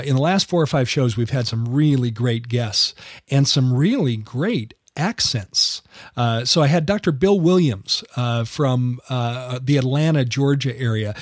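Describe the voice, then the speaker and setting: A man's voice: mid-range voice, dry recording, clean studio sound. An American man hosting an interview show, casually chatty and rambling, with many filler words and restarts. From United States. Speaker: podcast host.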